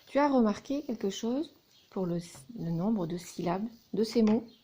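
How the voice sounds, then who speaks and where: A woman teacher giving a recorded lesson to young children, speaking deliberately and spelling out letters and syllables one by one. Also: mid-range voice, expressive, warm tone, breathy edge.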